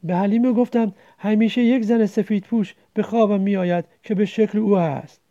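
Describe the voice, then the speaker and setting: Brief: reader doing a frail dying villager, gravelly and dark, tired and breathless. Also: mid-range voice, steady tone, highs cut off, close to an everyday voice. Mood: weary. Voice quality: weary, short of breath. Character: sick poor village man near death.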